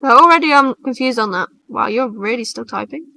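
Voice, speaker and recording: A woman in her twenties chats bluntly and casually while reading posts aloud on a live stream. Her voice is bright and sits fairly high, and she swears without fuss. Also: lively intonation, fairly quick, creaky. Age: 20s. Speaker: stream co-host.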